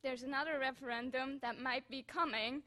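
High-voiced young woman from Switzerland. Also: fairly even intonation, normal speed, pushed and bright. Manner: informal, self-correcting. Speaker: student speaking from the audience. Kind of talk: spontaneous comment at a public debate.

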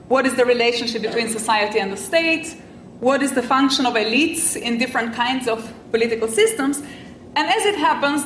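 An invited speaker, a middle-aged Albanian woman whose native language is French, gives an academic lecture in a measured, reflective manner, occasionally showing dry, self-deprecating humor. Her fairly high voice has a bit of brightness. The room echoes audibly over a faint ambient hum, and she sounds far from the mic.

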